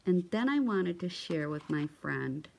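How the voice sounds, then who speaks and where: Slow-talking low-voiced woman crafter. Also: sing-song, vocal fry. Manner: chatty, gushing, with many ums and restarts. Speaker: crafting vlogger. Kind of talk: casual show-and-tell vlog.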